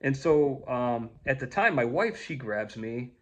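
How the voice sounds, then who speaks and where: A man's voice: medium pitch, expressive, a little slow. A man telling a faith testimony in a casual, rambling way, with many fillers and restarts. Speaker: storyteller sharing a faith testimony.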